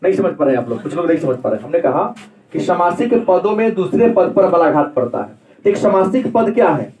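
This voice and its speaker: A high-voiced male teacher lectures a class on grammar, throwing out questions and answering them himself. He is recorded from across an echoey room. The sound is roomy and distant. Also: expressive, fairly quick, darkish tone. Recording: echoey room, mic far off.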